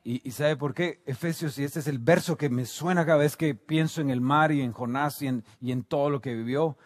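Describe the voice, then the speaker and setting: A man with a Guatemalan Spanish accent preaching a sermon, moving from quiet reflection to loud shouted climaxes. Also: fairly high pitch, brisk, no echo, studio quality.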